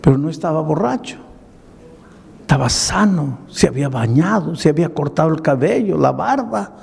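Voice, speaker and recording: A male pastor telling a story in a sermon, dramatic and leaping up in pitch for emphasis. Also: expressive, moderate pace, gravelly, a little mellow, slightly rough. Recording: long reverb of a large hall.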